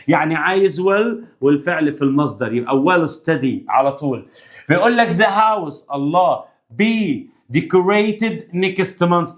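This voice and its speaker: A man teaching an English grammar revision lesson in Egyptian Arabic, playful and talking straight to his students. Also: sits high. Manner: playful, talks to students directly.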